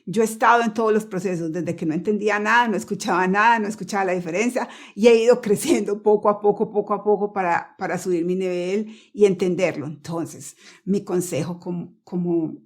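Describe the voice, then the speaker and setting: A woman teaching pronunciation in a relaxed, chatty way. Her first language is Spanish. She circles back over points and keeps asking if the listener is following. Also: mid-range voice. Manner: chatty, repeats words, asks "¿ok?" often; slows down sharply to model English phrases. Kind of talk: casual explanatory lesson.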